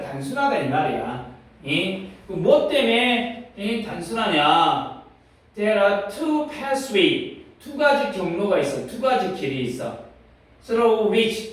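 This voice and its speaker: A male English teacher working through an exam reading passage. He reads the English lines slowly and explains them in Korean with quick rhetorical questions. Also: sits high. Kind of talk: exam passage walkthrough lesson. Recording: echoey room, mic at a distance.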